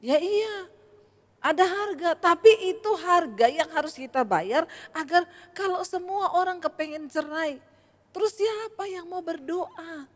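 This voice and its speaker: A woman's voice: extremely high pitch, animated, a little slow. A woman pastor preaching a sermon in a humorous, conversational way and speaking straight to her congregation. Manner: addresses the audience directly. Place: church hall. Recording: echoey church hall.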